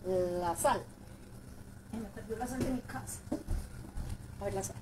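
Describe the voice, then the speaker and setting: Indoors in her home kitchen, a talkative woman with a Paisa Colombian accent hosts a relaxed cooking video, speaking in a mid-range voice at a slightly slow pace and repeating words to stress them. Clattering from the kitchen comes through a far-off microphone.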